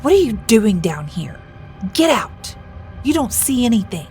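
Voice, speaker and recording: A woman's voice: fairly high pitch, big pitch swings, a little slow, darkish tone, soft background music, voice pushed up. A woman voicing a harsh, angry, unhinged downstairs neighbor woman who snarls her words. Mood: snarling.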